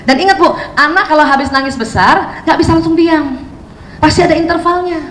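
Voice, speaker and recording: A woman speaker giving a lively parenting seminar, chatting with her audience and often asking them questions. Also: high-pitched, slight background noise. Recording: roomy hall sound, faint ambience.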